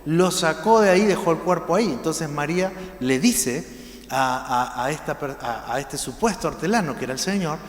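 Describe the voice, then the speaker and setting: A man preaching a sermon in Rioplatense Spanish, swinging between loud emphasis and hushed lines. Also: fairly high pitch, lively intonation, normal speed, echoey room, in a large hall. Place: church.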